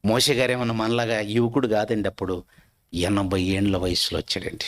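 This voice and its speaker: A man giving a sermon, retelling a Bible story with many rhetorical questions, rising to loud exclaiming peaks and dropping to low, quiet storytelling. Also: level tone, brisk. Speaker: preacher.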